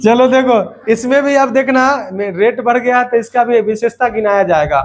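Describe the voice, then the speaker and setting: High pitched guy teaching grammar, asks a question then answers it, keeps repeating himself. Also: moderate pace, a crowd in the background. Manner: playful asides. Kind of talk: grammar lesson to students.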